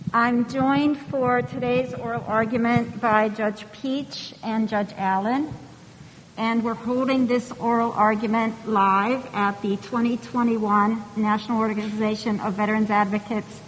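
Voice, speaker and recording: Woman judge with a higher voice, reverberant hall. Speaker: presiding judge. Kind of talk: formal courtroom proceedings. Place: large conference hall. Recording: reverberant hall, faint rumble.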